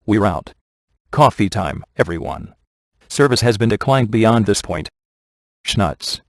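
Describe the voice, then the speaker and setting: A man delivers scripted video game dialogue as a wisecracking, laid-back ghost hunter, sounding dry, sardonic, wry and glib. His lowish voice is gravelly, expressive and unhurried, with no room sound.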